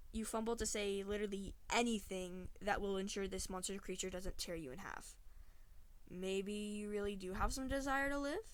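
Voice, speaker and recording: A woman narrating a second-person story in a dry, sarcastic, mocking way. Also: medium pitch.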